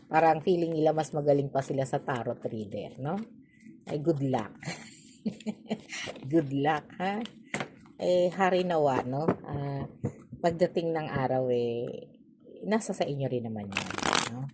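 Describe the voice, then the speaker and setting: A woman's voice: sits low, normal speed, noisy background. A woman with a Filipino accent giving a casual tarot reading, chatty, with frequent tag questions and sarcastic asides. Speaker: tarot reader.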